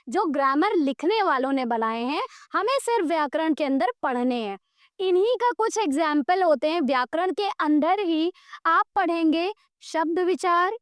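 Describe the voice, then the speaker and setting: A woman teacher giving a grammar lesson, explaining slowly and mixing English words into her speech, often checking whether students follow. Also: very high voice, no echo, studio quality. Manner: mixes English words into Hindi.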